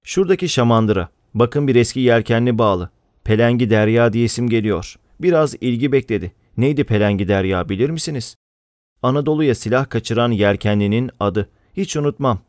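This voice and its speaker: A man reading a novel aloud as an audiobook narrator, in a steady, measured way, close to the microphone. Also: medium pitch, no room sound.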